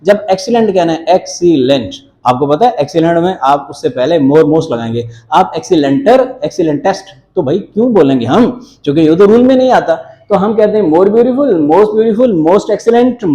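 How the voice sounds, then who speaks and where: Man teaching a grammar lesson, high voice, mellow tone, explains step by step, repeats words to drill them. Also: low-quality recording. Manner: explains step by step, mixing in English phrases. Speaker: English teacher. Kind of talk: grammar lecture.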